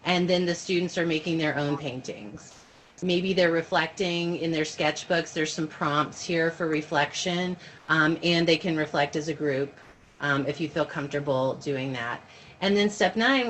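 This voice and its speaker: A woman with a somewhat low, slightly bright voice leads teachers through an informal online training. She explains step by step, checks in with listeners and handles questions and answers, all over noisy video-call audio.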